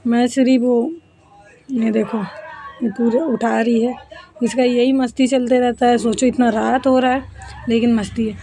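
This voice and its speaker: A woman's voice: fairly high pitch, flat delivery, a little slow, dark tone. A woman in her thirties narrating a casual home vlog, chatting with viewers as friends while she cooks and her family plays. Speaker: family vlogger.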